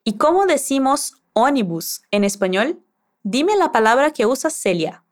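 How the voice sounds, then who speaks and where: A woman's voice: high voice, very animated, a little slow. A woman teaching a scripted language lesson, patiently prompting the listener to repeat phrases and encouraging them.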